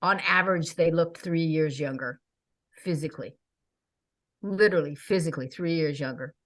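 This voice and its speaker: A woman in her sixties with a lowish voice hosts a relaxed conversation. She talks eagerly, piling up encouragement and breaking into easy laughs. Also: normal speed. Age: 60s. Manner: enthusiastic, chatty, laughs often. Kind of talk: casual chat.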